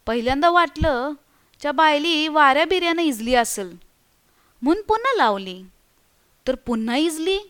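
A woman voicing a frightened village man who tells a ghost tale in hushed, stammering, earthy speech, as part of a storybook reading. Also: high-pitched, lively intonation, moderate pace, pauses often. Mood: spooked.

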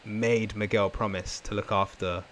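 A man's voice: on the low side, steady tone, a little slow, fairly bright tone. A man chatting casually on a podcast, emphatic and repeating his phrases. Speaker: podcast panelist.

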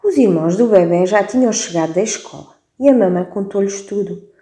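A woman storyteller reading a children's story aloud on the radio in a lively, expressive way. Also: medium pitch, a little fast. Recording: roomy echo.

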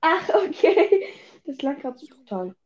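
A woman's voice: high voice, big pitch swings, a little slow, a little mellow, lo-fi sound. A young woman hosting a casual podcast chat, teasing and exclaiming in slangy talk. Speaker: podcast host. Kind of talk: casual chat while gaming.

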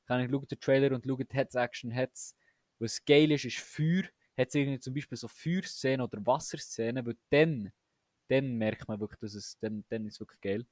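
A man's voice: medium pitch, normal speed, a little mellow, no echo. Enthusiastic young man, dry sound. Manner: enthusiastic, slangy, many restarts. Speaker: podcast co-host. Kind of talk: casual chat.

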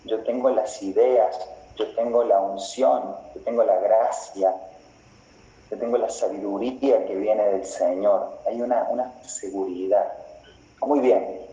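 A man preaching a sermon as pastor, slow and deliberate, repeating phrases for emphasis. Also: lowish voice, steady tone, warm tone. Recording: roomy, slightly dull recording.

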